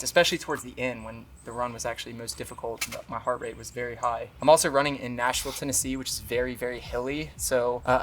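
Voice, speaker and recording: A man's voice: medium pitch, fairly bright tone, slight background noise. A man talking casually to camera in a vlog, tired and out of breath from a hard run, speaking with effort and emphasis. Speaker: running vlogger.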